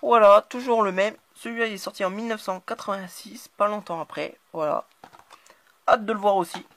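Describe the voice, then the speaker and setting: A woman hosting her own channel, talking casually through a haul of new purchases, often hesitating and filling pauses. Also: medium pitch, a bit bright. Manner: hesitant, constant filler words. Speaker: channel host. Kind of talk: casual DVD haul talk to camera.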